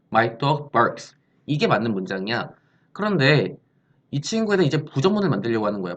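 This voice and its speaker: A male grammar teacher whose voice swings widely up and down as he walks through each point. He keeps asking his pupils questions and then answering them himself. The recording sounds dull and lo-fi. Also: medium pitch. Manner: explains step by step, asks and answers own questions. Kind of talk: recorded classroom-style lesson.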